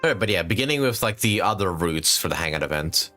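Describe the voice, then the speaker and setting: A man's voice: deep voice, animated, fast talker, pushed and bright, faint music behind. A young man live-streaming a game, reacting with jokes, laughter and swearing. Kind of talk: casual live-stream commentary.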